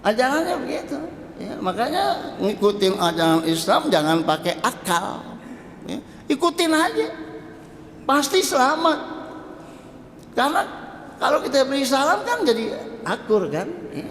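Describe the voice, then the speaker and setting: A man giving a conversational mosque lecture as a preacher, stretching out quoted greetings slowly. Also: big pitch swings, fairly bright tone. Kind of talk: mosque dawn study lecture. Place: mosque hall. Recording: echoey mosque hall with faint rumble.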